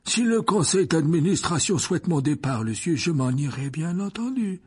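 A man voicing a calm, wise old headmaster who speaks very slowly and deliberately. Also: fairly high pitch, slightly rough, pitched above the performer's own voice.

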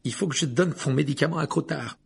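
A man voicing an excitable teenage boy who yells in high-pitched alarm, in a storybook reading. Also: fast talker, vocal fry, husky, full character voice. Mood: reassuring.

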